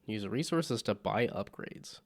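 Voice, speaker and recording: A man's voice: lowish voice, expressive, unhurried. A man streaming a game, chatting casually, laughing often and reading the game's text aloud.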